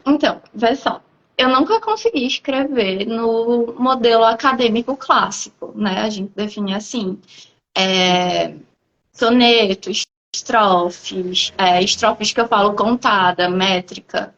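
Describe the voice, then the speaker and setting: A woman with a Brazilian Portuguese accent, a guest poet in a live online interview, explaining her writing thoughtfully and at length with frequent pauses. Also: on the high side, fairly bright tone, highs cut off.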